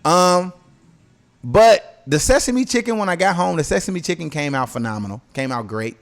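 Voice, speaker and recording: Slangy man with a higher voice, chatting. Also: animated, normal speed, soft background music. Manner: slangy, profane, repeatedly checks with "you know what I'm saying". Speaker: podcast host. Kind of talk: casual podcast chat, telling anecdotes.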